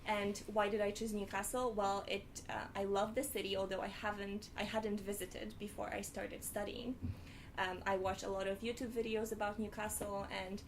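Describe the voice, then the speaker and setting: A woman's voice: mid-range voice, little pitch movement, normal speed, a little hiss or hum. Young woman hosting a student panel. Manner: organised, slightly hesitant with fillers. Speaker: panel host. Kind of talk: hosting a live student webinar.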